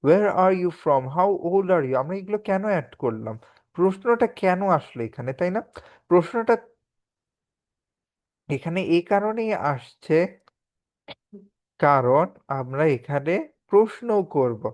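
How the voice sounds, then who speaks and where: A man's voice: high voice, lively intonation, a little slow, pauses often, a little mellow. A man with a Bangladeshi accent teaching a spoken English lesson in an online class, explaining patiently and often checking with the students.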